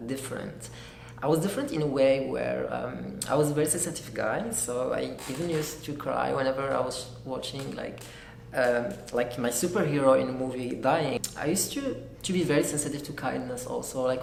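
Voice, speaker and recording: A man's voice: mid-range voice, gravelly. Earnest young man, echoey room. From Algeria. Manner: earnest, halting, searching for words. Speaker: graduate student giving testimony. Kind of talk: personal testimony. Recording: echoey room with faint noise.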